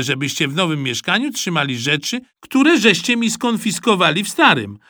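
A man voicing an excitable, stubborn young boy who argues insistently. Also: high-pitched, dry recording, clean studio sound, pitched above the performer's own voice, heavily acted. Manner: pleading, insistent.

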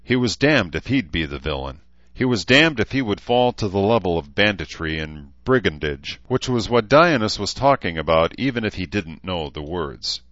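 A man narrating an audiobook in steady, even storytelling, in a slightly muffled recording. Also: low voice, moderate pace, no echo. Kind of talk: scripted narration.

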